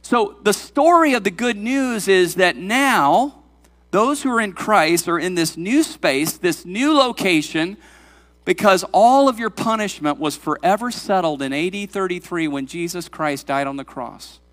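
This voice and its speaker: High-voiced emphatic pastor in a reverberant hall. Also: male voice, animated, measured pace, fairly bright tone. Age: 40s. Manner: emphatic preacher, asks the congregation questions. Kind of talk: sermon. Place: church sanctuary.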